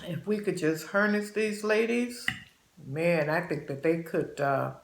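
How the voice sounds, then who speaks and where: Slow-talking folksy woman in her sixties. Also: fairly low pitch, animated, echoey room, slight background noise. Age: 60s. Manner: folksy, motherly, calls viewers babies. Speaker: channel host. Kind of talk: casual chat while eating.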